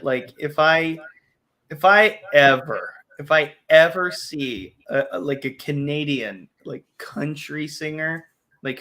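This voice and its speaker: A man's voice: fairly high pitch, a bit bright. A young man, a guest on a late-night stream, talking bluntly and sarcastically with strong opinions. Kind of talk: casual late-night chat.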